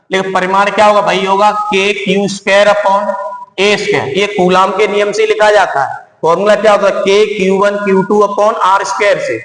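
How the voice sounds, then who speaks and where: A man teaches physics at a board in a high, carrying voice. He quizzes his class and answers his own questions, calling the students "beta" as he goes. The sound bounces around a roomy space with a long reverb. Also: a bit bright. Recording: echoey room.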